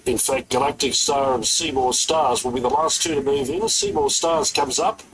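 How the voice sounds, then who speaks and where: A man's voice: medium pitch, sing-song, moderate pace, gravelly, background noise. A man working as a race caller, giving live horse racing commentary.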